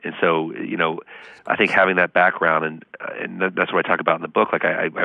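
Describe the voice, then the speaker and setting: A man, a law professor, answering interview questions over the phone, earnest and quick, with many fillers. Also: low voice, dry recording. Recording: tinny phone line.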